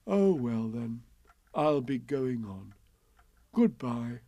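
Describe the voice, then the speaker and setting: A man voicing a slow, greedy, anxious toy bear in a storybook, with a hesitant, drawn-out, plaintive delivery. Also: mid-range voice, animated, dark tone, dry recording. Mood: hesitant, let down.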